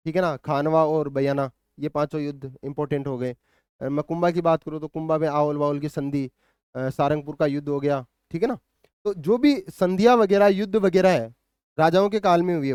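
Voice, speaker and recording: A man's voice: on the high side, darkish tone, smooth, no echo, clean studio sound. A male coaching teacher walking students through an exam syllabus, explaining patiently and often checking in with them. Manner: thinks aloud with hesitant fillers and restarts. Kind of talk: syllabus walkthrough lecture.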